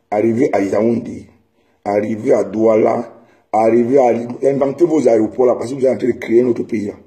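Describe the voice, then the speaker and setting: A man's voice: medium pitch, warm tone. A man from Cameroon ranting angrily at home, scolding and repeating himself. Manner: heated, scolding, repetitive. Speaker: vlogger. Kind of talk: angry direct-to-camera rant.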